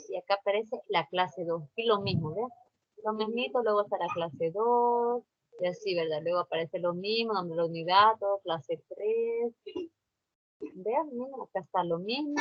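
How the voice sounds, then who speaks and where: A woman's voice: medium pitch, a bit bright, dry recording. A woman teacher giving an online class, patiently repeating instructions and checking in with her students. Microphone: computer mic for a virtual class. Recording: dry, dull lo-fi sound.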